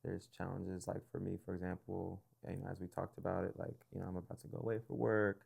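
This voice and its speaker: A young man with a low, gravelly voice and a breathy edge hosts a casual podcast interview. He sounds relaxed and thoughtful, often chiming in with quick "yeah"s and using fillers when he pauses.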